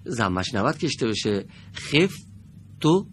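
A man teaching Quran recitation to a class, patiently correcting and praising students and slowly modeling the verses. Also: fairly low pitch, expressive, slight background noise. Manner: drawn-out slow recitation when modeling verses. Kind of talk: classroom lesson with students reading aloud.

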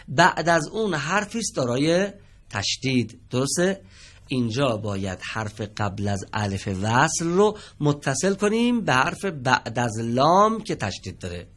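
A man leads a televised Quran reading lesson from a studio with his students. His voice rises and falls a great deal as he explains. He checks their answers patiently and slows right down to spell out each example word. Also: mid-range voice, fairly bright tone. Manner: patient, quizzes students, stretches out example words slowly.

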